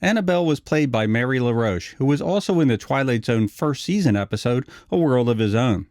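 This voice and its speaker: A man's voice: medium pitch, lively intonation, a little fast, darkish tone, no echo. Male narrator, dry close studio sound. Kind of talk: scripted narration, TV retrospective video essay.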